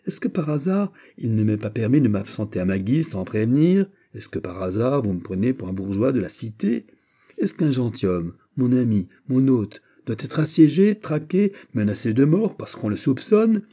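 A man's voice: mid-range voice, normal speed, few pauses, mellow, voice pushed up, natural voice. A man reading an audiobook, voicing an imperious male general who speaks in a stern, sonorous way. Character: commanding middle-aged male general. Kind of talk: audiobook character voice.

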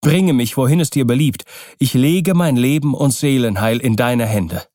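A man's voice: medium pitch, normal speed, dark tone, dry recording, clean studio sound, voice pushed up, lightly acted. A man voicing a troubled young husband in an audiobook reading, subdued and sorrowful. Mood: resigned.

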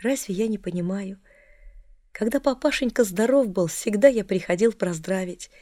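A woman reading an audiobook, voicing a kind, gray-haired old man who speaks softly and unhurriedly. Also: fairly high pitch, animated, no room sound, studio quality. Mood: tender. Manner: soft, gentle and unhurried.

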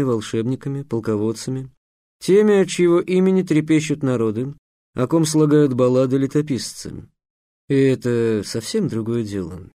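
Мужчина-чтец озвучивает строгого, насмешливого декана, обучающего ассасинов; говорит наставительно и повелительно. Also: male voice, mid-range voice, dark tone, dry recording, studio quality, close to an everyday voice. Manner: lecturing, sarcastic, commanding. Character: stern, scornful male dean teaching assassins. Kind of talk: audiobook character voice.

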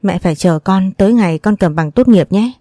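A woman's voice: mid-range voice, a little fast, mellow, no echo, studio quality, close to an everyday voice. A woman voicing a grieving teenage girl who pleads tearfully with her dying mother. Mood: pleading.

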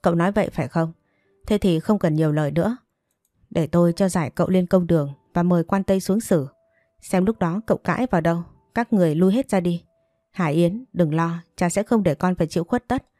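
A woman's voice: fairly low pitch, brisk, dark tone, dry recording, studio quality, natural voice. A woman voicing a stern, angry male provincial mandarin who threatens and stresses each word. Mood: stern threatening.

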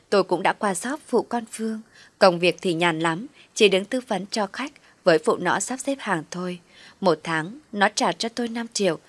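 A woman narrating a first-person story in a steady, reflective way. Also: on the low side, no echo.

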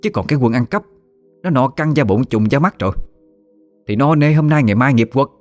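A man voicing a shrill, spiteful old village woman who scolds and curses her neighbours. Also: animated, fairly quick, soft background music, natural voice. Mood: scolding.

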